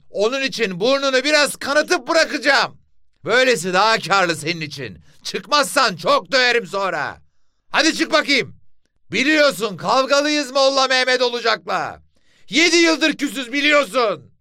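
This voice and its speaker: A man's voice: extremely high pitch, no room sound, clean studio sound, pitched above the performer's own voice, exaggerated voice. A man voicing a stubborn village father who pleads and coaxes his hiding son to come out. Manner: pleading, wheedling, then shouting.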